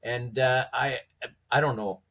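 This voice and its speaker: A man with a slightly husky voice telling stories conversationally as a guest, informally acting out quoted dialogue and posing rhetorical questions. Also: medium pitch, fairly even intonation, measured pace, fairly bright tone. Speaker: podcast guest, former police trainer. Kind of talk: animated conversational storytelling.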